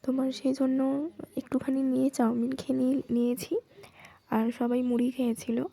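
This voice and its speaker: A woman narrating her daily-life vlog in a quiet, hushed voice, recorded at home while lying in her bedroom. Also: sits high, flat delivery, normal speed. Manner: quiet, hushed voice-over with a gravelly edge. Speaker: vlogger. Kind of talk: soft-spoken daily-life vlog voice-over.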